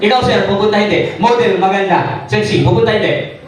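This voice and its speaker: A young man shares his testimony in an event hall, telling a funny story about himself to a live audience and teasing the crowd with questions. His voice sits high and moves fairly quickly. The hall is echoey, and the mic picks him up from a distance.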